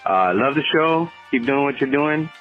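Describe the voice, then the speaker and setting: A man's voice: medium pitch, animated, moderate pace, faint music behind. A man from California leaving a rambling voicemail for a podcast, heard over a landline phone line, with many hesitant fillers. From Oxnard, California, US. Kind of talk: casual phone message. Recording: dull lo-fi voicemail audio.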